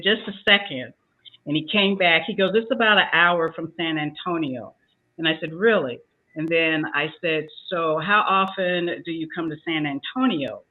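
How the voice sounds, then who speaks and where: Her pitch fairly low, an older woman on a talk show panel hands out casual advice and voices both people in the conversation she's recounting. The audio has a thin, phone-like quality.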